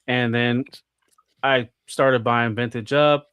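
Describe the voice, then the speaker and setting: A man's voice: medium pitch, steady tone, slow, clean tone, no room sound, phone-quality sound. An American man, a guest on a podcast, chatting in a rambling way full of "like" and restarts. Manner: rambling, filler-heavy with many restarts. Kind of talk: casual chat.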